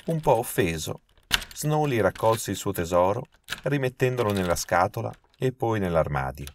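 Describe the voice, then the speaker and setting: A man from Italy reading a mystery story aloud, measured and dramatic. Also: lowish voice, animated, slight background noise. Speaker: narrator. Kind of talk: scripted storytelling narration.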